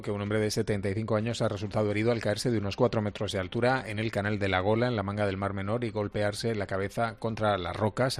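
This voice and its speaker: A man presenting regional radio news, reading in a brisk, steady newsreader manner. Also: fairly low pitch.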